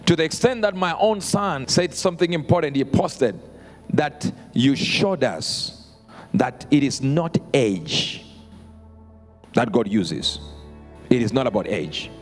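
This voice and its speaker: Middle-aged guy doing a eulogy, mid-pitched voice, emphatic, faint music under him. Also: animated, slow. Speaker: speaker at a funeral. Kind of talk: eulogy, public address.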